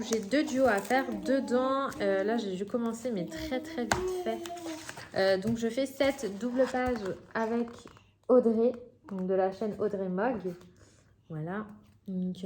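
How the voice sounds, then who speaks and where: A woman's voice: fairly high pitch, a little mellow, a little hiss or hum. Chatty French-speaking woman vlogger. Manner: chatty, many fillers and restarts. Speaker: coloring vlogger. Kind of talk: casual chat. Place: home.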